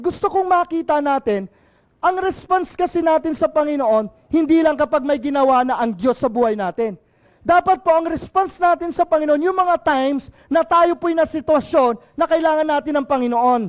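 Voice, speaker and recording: High-voiced Filipino pastor preaching. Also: male voice, normal speed. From Philippines. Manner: impassioned preaching, mixing in English, asking the congregation "Amen?". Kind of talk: sermon.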